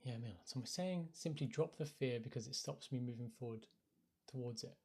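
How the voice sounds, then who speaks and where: British male life coach, mid-pitched, unhurried and reflective, talking into a phone on a casual live stream. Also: gravelly, darkish tone, slightly rough. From United Kingdom. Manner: thoughtful, hesitant, restarts phrases.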